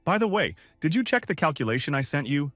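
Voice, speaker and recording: Anxious agent, earnest and explanatory, lively pitch, a man acting it. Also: quick pace, no room sound, soft background music. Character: worried middle-aged male agent, earnest.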